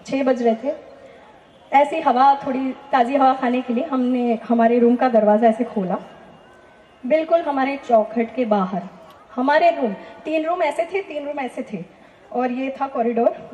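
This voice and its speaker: A woman with a high, mellow voice shares her personal testimony during a church talk. She recounts her story with earnestness and puts rhetorical questions to her audience, captured in a dull, echoey lo-fi recording of a hall.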